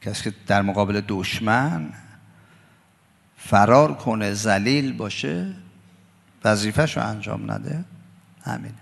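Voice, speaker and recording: A man delivers a religious lecture with a deeply gravelly, rough-edged voice. His words ring out in a reverberant hall, and he slows to chant scripture. At times he mocks the voices of others. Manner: gravelly, mocking voices when quoting others. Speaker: cleric giving a Quran commentary lecture. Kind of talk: religious lecture with Quran recitation.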